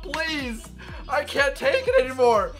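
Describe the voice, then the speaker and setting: A man streaming a video game, hyped up, shouting in bursts and swearing as he plays. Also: very high voice, very animated, unhurried, soft background music. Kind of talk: excited gameplay streaming.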